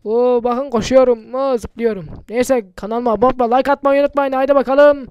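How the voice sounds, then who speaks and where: A man's voice: very high voice, steady tone, fairly quick, clean tone, no echo, dull audio. A man doing casual, chatty gameplay commentary for his channel, muttering to himself and swearing often. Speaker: gaming YouTuber.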